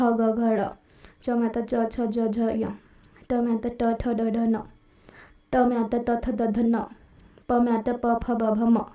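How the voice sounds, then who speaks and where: A woman teaches a grammar lesson in an explanatory, repetitive way, often checking in with her listeners. Her voice sits a little high and mellow. The room echoes around her. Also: distant mic. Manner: explanatory, repeats and checks with "theek hai". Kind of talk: exam-prep grammar lesson.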